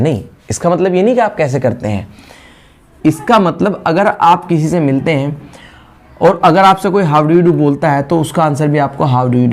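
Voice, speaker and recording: A man's voice: fairly high pitch, darkish tone. A man teaching a spoken English class, explaining step by step and repeating the example phrases. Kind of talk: spoken English lesson in Hindi.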